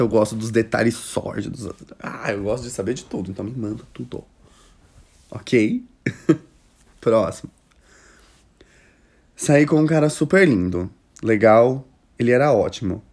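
A man with a Brazilian accent hosting a casual chat, reading out listener stories with a gossipy, expressive manner, laughing often and exclaiming loudly. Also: on the low side. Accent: Brazilian Portuguese.

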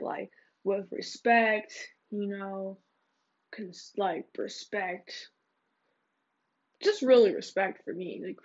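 Give me a woman with a husky voice doing a candid, slangy solo chat in an echoing bathroom, slightly muffled on an earbud mic. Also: mid-range voice. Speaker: host. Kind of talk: casual confessional monologue to listeners. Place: small echoing bathroom, indoors. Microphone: earbud microphone.

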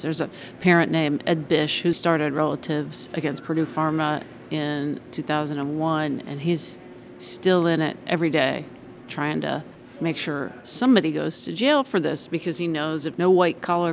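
A reporter giving measured, explanatory interview commentary. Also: mid-range voice, fairly even intonation, vocal fry, slight background noise.

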